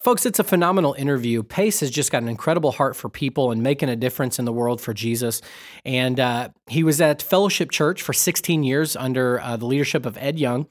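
A man's voice: mid-range voice, a little fast. A young adult man co-hosting a podcast in casual, upbeat, joking chat. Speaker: podcast co-host.

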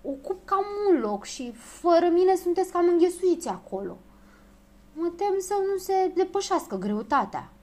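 Brief: a timid, helpful storybook dwarf, high and fretful, read by a woman. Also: very animated, darkish tone. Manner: polite, fretful and self-effacing. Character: fussy obliging little male dwarf.

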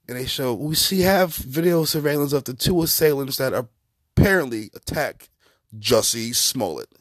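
A man hosting a podcast, giving profane, mocking comedic commentary in an animated way. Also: a little high, no echo, studio quality. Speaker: podcast host.

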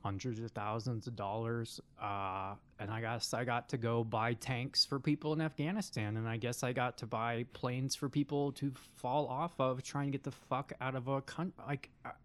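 A man co-hosting a political talk show, speaking in a sardonic, weary way. His voice is mid-pitched and often drops into a quiet mutter at the ends of his thoughts. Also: fairly even intonation, moderate pace, hardly any pauses. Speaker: podcast co-host. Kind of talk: casual political chat.

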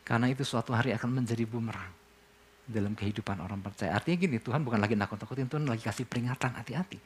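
Racing along at a mid-level pitch, a pastor delivers a conversational sermon to his congregation. He keeps raising questions only to answer them himself. There's a faint hiss or hum in the background.

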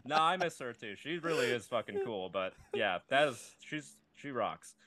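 A man co-hosting a comedy podcast, chatting casually with loose, laughing banter and drawn-out fillers. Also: medium pitch, expressive, sharp tone. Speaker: podcast co-host.

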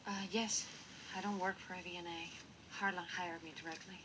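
An actress playing a hesitant, honest nurse who answers questions nervously and softly in a film drama. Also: female voice, fairly low pitch, steady tone, fairly quick, lightly acted. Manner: hesitant, soft. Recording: muffled, noisy film playback.

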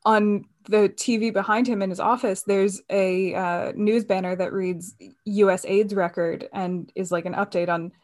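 A woman's voice: mid-range voice, fairly even intonation, measured pace, few pauses, a little mellow. A woman in casual conversation about a film, chatty and loose, with many fillers and restarts.

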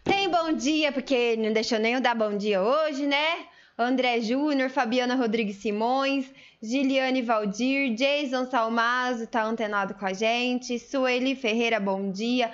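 A woman co-hosting a live show, reading listener greetings in a brisk, friendly way. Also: a little high. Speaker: co-host. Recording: dull lo-fi broadcast audio.

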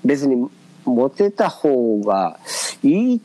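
A podcast co-host with a Kansai Japanese accent tells a personal story in casual chat, animated but hesitant and full of fillers. His mid-range voice moves at a slow pace over a rough recording.

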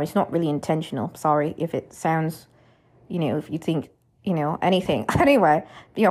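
A woman with a slightly low voice talks casually about poetry on her podcast. Her talk rambles, and she leans on fillers like "you know" and "um" as she thinks aloud. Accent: unplanned put-on accent when reading poetry. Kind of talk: casual poetry reading and discussion.

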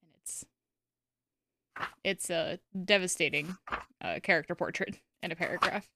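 A woman co-hosting a casual book podcast, talking in slow emphatic asides and laughing often. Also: lowish voice, fairly even intonation, background noise. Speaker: podcast co-host.

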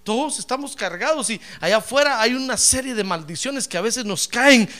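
In a church, a male pastor preaches a sermon fairly quickly and with animated delivery, swinging from low asides to loud praise. He often calls his listeners "brother," addressing them as "hermano."

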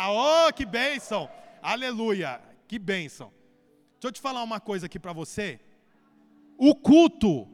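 A man's voice: very high-pitched, a bit bright. A man with a Brazilian accent preaching a sermon as pastor, pressing the congregation with emphatic rhetorical questions. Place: church hall. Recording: long church hall reverb.

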